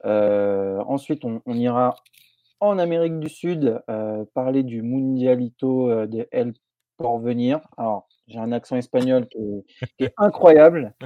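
A man co-hosting a show, running through the lineup in a relaxed, jokey way with some hesitations. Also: mid-range voice, unhurried, dry recording, narrow, tinny audio. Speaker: co-host.

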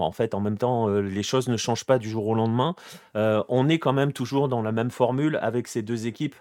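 A man's voice: medium pitch, dry recording, studio quality. A man hosting a casual live football talk show, chatting loosely with many hesitations and greeting viewers in the chat. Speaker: podcast host.

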